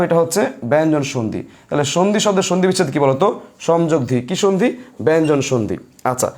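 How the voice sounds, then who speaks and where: A man with a high, light voice and a Bangladeshi Bengali accent teaches a grammar lesson. He dictates notes to his students, quizzes them and repeats each key point so they remember it. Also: a little mellow.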